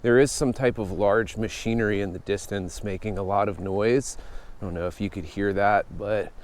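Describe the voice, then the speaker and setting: A man's voice: fairly low pitch, fairly even intonation, moderate pace, slight background noise. A man narrating casually while hiking a trail outdoors, out of breath, with rambling self-deprecating asides. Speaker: hiking vlogger. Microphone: newly bought camera microphone.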